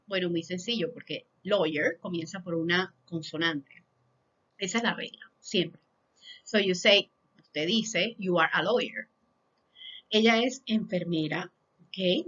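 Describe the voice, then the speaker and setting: A woman teaching beginner English in Spanish, saying example sentences slowly and carefully for learners to repeat. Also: medium pitch, a bit bright, dull audio. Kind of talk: lesson in Spanish.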